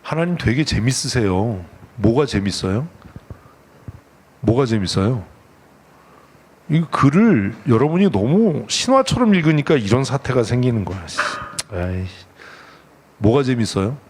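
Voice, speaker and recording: A man preaching a lively, conversational sermon as pastor, teasing his congregation and acting out the voices in the story. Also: mid-range voice, a little slow, pauses often, a little hiss or hum. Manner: playful, teasing, acts out God's voice and the congregation. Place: church sanctuary.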